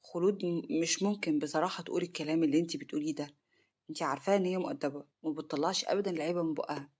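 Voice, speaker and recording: A woman voicing a young, earnest husband with an Egyptian accent, in a lowered, pleading voice. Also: fairly even intonation, racing, dark tone, lightly acted. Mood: soothing.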